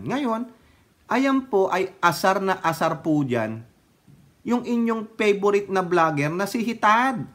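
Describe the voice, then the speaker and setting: A man's voice: on the high side, fairly bright tone. A man from the Philippines giving casual political commentary, mocking his targets, laughing often and using polite fillers.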